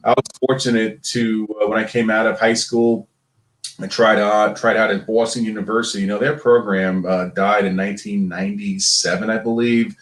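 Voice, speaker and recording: Low-voiced Brooklyn man, chatting casually. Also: little pitch movement, normal speed. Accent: Brooklyn New York. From Brooklyn, New York. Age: 50s. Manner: rambling, familiar, joking asides. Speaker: interview guest, sports figure. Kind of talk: casual interview chat, reminiscing. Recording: roomy, echoing sound.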